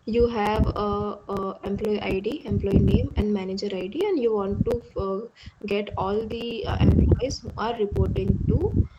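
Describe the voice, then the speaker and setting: A woman's voice: mid-range voice, normal speed. Woman interviewer on a video call. She sounds hesitant and says "okay" often. The call audio is dull, lo-fi and very noisy. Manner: hesitant, frequent "uh" and repeated "okay". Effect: voice heard over a video call. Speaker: job interviewer. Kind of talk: technical interview questions. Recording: muffled lo-fi call audio with loud noise.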